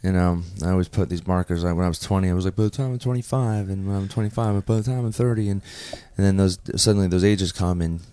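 Low-pitched and clean, this American man's voice moves fast with few pauses. He's a performer in his thirties, a guest in a casual interview, telling stories in an animated way with many fillers and restarts.

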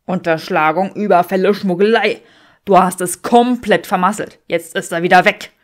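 A woman voicing an arrogant, scornful young wizard in a fan fiction audiobook, firing back loud, clipped retorts close to her own voice. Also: fairly low pitch, normal speed, natural voice.

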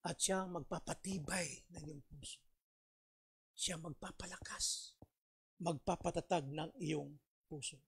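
Male pastor, sermon, high voice, earnest storytelling, rhetorical questions. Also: steady tone, unhurried, gravelly, long pauses, slightly rough. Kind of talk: sermon with closing prayer.

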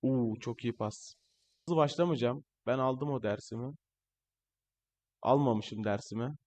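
A young man commentating his own football video game match, excitable and shouting at the players on screen, his voice a bit strained. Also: medium pitch, measured pace. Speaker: gaming channel host. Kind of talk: live gameplay commentary.

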